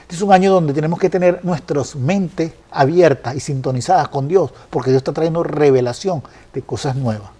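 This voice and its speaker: A man earnestly explaining Bible passages in a conversational study, often pausing with fillers and restarting phrases. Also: fairly high pitch, mellow. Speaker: Bible teacher.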